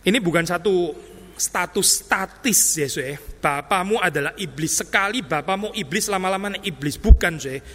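A man's voice: high-pitched, normal speed, bright, forceful tone. A male preacher giving an expository sermon in a conversational way, often addressing listeners directly and slipping in English phrases. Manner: conversational, mixes English phrases, repeats "saudara". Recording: long reverb of a hall.

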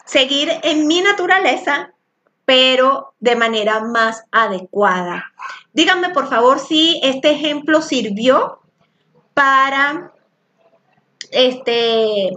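A woman with a Venezuelan accent teaching an online group session, talking fast, loud and a little rushed. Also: high voice, highs cut off. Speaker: spiritual workshop teacher.

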